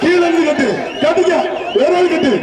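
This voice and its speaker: Guy on a loudspeaker, very high voice, booming echo with a big crowd. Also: fairly even intonation, fairly quick. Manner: loud, chanting, repeated calls. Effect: over a public-address loudspeaker. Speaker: event announcer. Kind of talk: live event commentary. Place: outdoor arena. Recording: echoey loudspeaker far off over a loud crowd. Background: loud crowd and noise.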